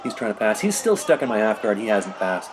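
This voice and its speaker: A man's voice: on the low side, big pitch swings, a little fast, crowd noise. A middle-aged man casually narrating footage of his own match, rambling and conversational with lots of "you know". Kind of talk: casual narrated commentary over video.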